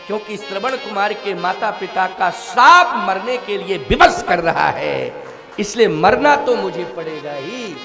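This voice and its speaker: A man preaching a Ram Katha sermon, who asks his listeners questions and slips into devotional singing. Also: sits high. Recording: music and tabla behind the voice.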